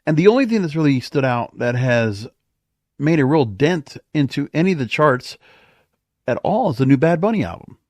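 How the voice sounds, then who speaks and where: A podcast host talks alone in a casual, rambling way, as if thinking out loud, from a home or small studio. His voice is a little high and a little mellow, with big pitch swings and normal speed, and there's no echo.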